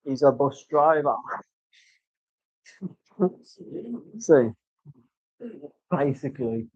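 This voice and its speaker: A man's voice: medium pitch, very slow, no room sound. A man working in a tattoo studio, cracking crude, mocking jokes and swearing freely in casual banter. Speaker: tattoo artist. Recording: dull lo-fi dry sound.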